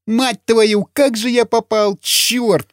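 A man's voice: steady tone, slow, dry recording, studio quality. A man voicing a panicky, foul-mouthed wounded young man who cries out in frantic bursts. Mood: panicked. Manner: shrill, frantic, cursing.

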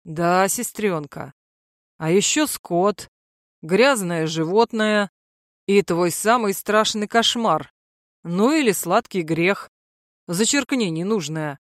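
A woman voicing a cocky, insulting young billionaire man who taunts in a slow, sneering way. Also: medium pitch, lively intonation, dry recording, studio quality. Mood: taunting.

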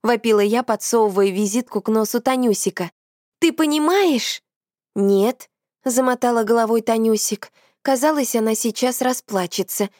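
Lively woman narrating a novel. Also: on the high side, a little fast, dry recording, studio quality. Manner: lively, dramatic character voicing. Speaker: audiobook narrator. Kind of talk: first-person novel reading.

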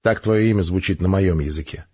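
Brief: gruff, dry-humoured soldier officer, read by a male narrator, husky and lowish, muffled audiobook sound. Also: a little fast, a little mellow. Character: gruff dryly joking male space major.

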